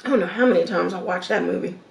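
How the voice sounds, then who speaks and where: A fifty-something woman with a lowish voice and vocal fry chats to viewers during a mukbang. She eats as she talks, pausing and letting out "mm" sounds while musing aloud. The recording is distant, echoey, and has background noise.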